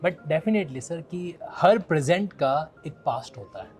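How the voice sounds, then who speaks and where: A man's voice: fairly high pitch, expressive, unhurried, a little mellow, soft background music. Respectful Indian man in his thirties. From Rajasthan, India. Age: 30s. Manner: respectful, frequently addresses the other as sir. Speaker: law educator. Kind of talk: casual conversation.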